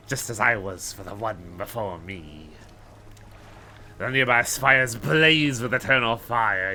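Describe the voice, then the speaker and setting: A man's voice: on the low side, bright, forceful tone, a little hiss or hum, exaggerated voice. A man voicing an unhinged, grandiose cult leader villain, reading game dialogue in a strained, theatrical, ominous way. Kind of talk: dramatic read-aloud of game dialogue.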